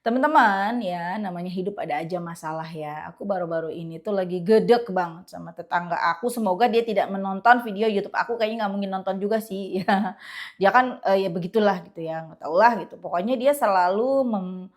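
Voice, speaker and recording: A young woman giving a casual, animated religious pep talk to her viewers. She often slips into quiet quoted prayers. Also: mid-range voice, a little fast. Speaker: religious content creator.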